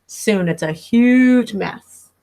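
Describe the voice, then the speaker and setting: Reading extremely slowly, an elementary school teacher in her thirties shares a picture book with young listeners at home in her living room. Her medium-pitched voice is a little mellow, and she's expressive and instructive, speaking right to the kids.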